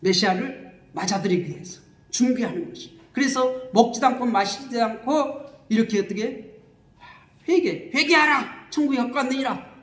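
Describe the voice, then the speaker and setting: A man preaching a sermon as pastor, explaining scripture with lively repetition and acted-out wailing, recorded in a church. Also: high voice, moderate pace. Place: church sanctuary. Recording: echoey church hall.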